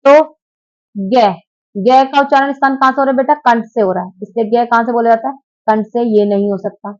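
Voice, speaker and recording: A woman's voice: on the high side, fairly even intonation, brisk, muffled recording. A woman teacher taking students patiently through exam questions, calling them 'beta' and drilling sounds aloud. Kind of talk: exam prep lesson.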